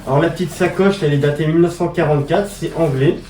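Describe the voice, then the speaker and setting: A man chatting casually as he unboxes parcels, slangy and quick to exclaim at each find. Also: a little high, a little mellow. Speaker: collector unboxing militaria. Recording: echoey room, mic at a distance, noisy.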